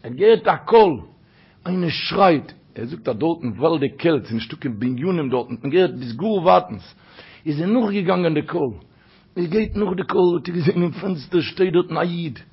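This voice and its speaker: A man telling stories in a sermon, dropping low and soft for narration and rising sharply when he quotes. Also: animated, normal speed, husky. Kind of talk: storytelling sermon. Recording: dull lo-fi recording.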